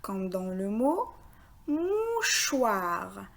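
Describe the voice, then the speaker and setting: Slow, lively woman teaching phonics. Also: on the high side, faint music behind. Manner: slow, deliberate, syllable by syllable; encouraging, praises answers. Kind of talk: phonics lesson for young children.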